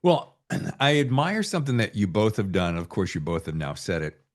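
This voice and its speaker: A podcast host interviewing authors chats with his guests in a folksy, effusive, rambling style. His voice is lowish and very animated, at a moderate pace.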